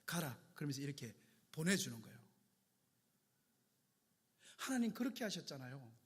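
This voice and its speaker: A man's voice: sits high, animated, a little fast, bright, forceful tone. A male pastor preaching a sermon with dramatic storytelling, acting out scenes as he goes. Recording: long hall reverb.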